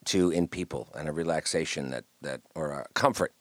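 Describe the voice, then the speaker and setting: A low-voiced man chats easily as a guest, rambling through stories and often starting sentences over. His voice sits close and dry on the mic, with no room sound around it. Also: a little fast, no echo. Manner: relaxed, rambling storyteller with many restarts. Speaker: guest musician. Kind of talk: casual interview chat.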